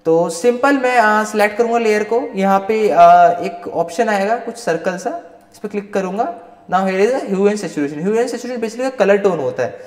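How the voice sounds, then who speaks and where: High-pitched male teacher, echoey room. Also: normal speed. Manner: mixes Hindi and English, checks in often with "right?". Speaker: Photoshop instructor. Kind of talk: live online class teaching. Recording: roomy echoey long reverb.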